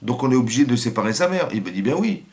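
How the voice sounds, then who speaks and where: A man's voice: mid-range voice, very animated, very fast. A man with a French accent giving a religious lesson as a rabbi, acting out little scenes and quotes in changing voices.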